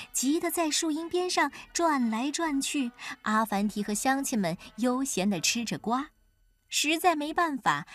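Animated woman storyteller, lively voice. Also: fairly high pitch. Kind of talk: children's story narration.

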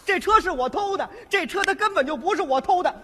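A man's voice: very high-pitched, lively intonation, fast talker, a bit bright, big-room sound, a little hiss or hum, voice pushed up. A man voicing a naive young man who protests in a flustered hurry. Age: young adult.

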